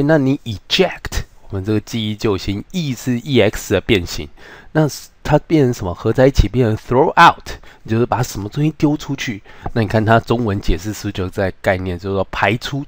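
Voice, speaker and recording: A man with a Taiwanese Mandarin accent gives a vocabulary lesson on English word roots, posing rhetorical questions and slowing down on the English words. His medium-pitched voice has lively intonation, recorded without echo.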